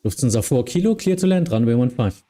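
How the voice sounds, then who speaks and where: A man streaming as an air traffic controller, mixing procedural clearances with casual chat. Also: mid-range voice, animated, fast, dark tone, faint music behind.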